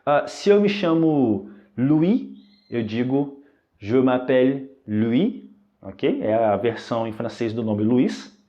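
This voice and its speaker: Slow, patient Brazilian man teaching. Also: mid-range voice, lively intonation. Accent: Brazilian Portuguese. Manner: patient, repeats each word and checks in with "ok?". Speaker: French teacher. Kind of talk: online language lesson. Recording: dull, lo-fi recording.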